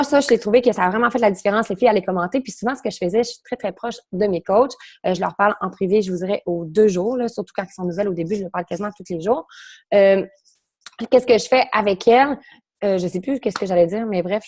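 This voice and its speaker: A woman's voice: medium pitch, darkish tone. A young woman with a Quebec French accent, a coach sharing her experience in a casual round-table talk, rambling and correcting herself, with something in her throat. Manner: fast, rambling, self-correcting.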